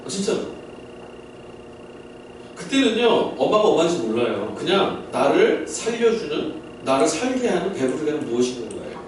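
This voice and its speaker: A pastor's somewhat high, sing-song voice carries at normal speed through a very echoey church sanctuary as he preaches, explaining and asking questions of listeners young and old. The mic sits far off, and faint background noise is audible.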